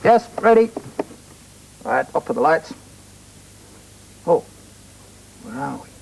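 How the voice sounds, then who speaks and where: A man's voice: medium pitch, creaky, breathy edge, far from the mic, low-quality recording. A middle-aged man with an Australian accent, presenting a children's TV show and patiently explaining things to young viewers in a 1980s studio recording. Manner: slow, lively, patient, child-directed.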